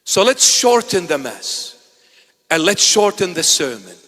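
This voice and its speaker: A bishop, his voice sitting unusually high for a man, delivers a dramatic sermon. He lurches between loud exclamations and low, hushed asides with dry wit, and a long church reverb trails every phrase. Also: very animated, measured pace. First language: Assyrian.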